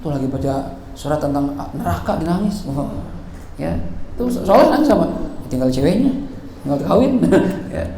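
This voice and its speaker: High-voiced preacher in echoey hall. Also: male voice, animated, moderate pace, mellow. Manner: playful, acts out examples, laughs often. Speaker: religious teacher. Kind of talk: sermon. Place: prayer hall. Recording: echoey hall, faint ambient noise.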